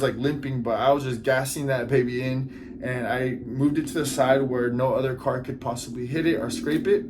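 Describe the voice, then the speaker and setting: A man's voice: mid-range voice, slight background noise. A man in a casual storytime vlog, earnestly retelling events and acting out what people said, often turning to talk to his viewers directly. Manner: animated retelling, acts out dialogue. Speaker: vlogger.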